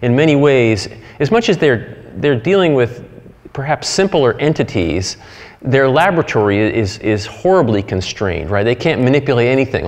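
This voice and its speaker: A middle-aged man giving a conference keynote, halting and full of fillers and restarts. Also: mid-range voice. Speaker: keynote speaker. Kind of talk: conference talk. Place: lecture hall. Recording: hall reverb.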